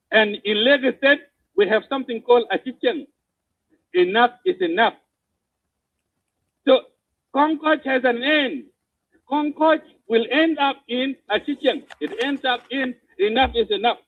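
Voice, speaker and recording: A South Sudanese man giving impassioned political commentary, forceful and repetitive, often stumbling over his words. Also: extremely high pitch, measured pace, long pauses, dry recording. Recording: tinny phone line, dry.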